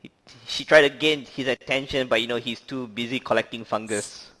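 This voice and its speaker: A man chats casually about movies, with a middle-pitched voice. He rambles through fillers and breaks into laughter often. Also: fairly even intonation, a little fast, sharp tone. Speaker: podcast co-host. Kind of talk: casual movie review chat.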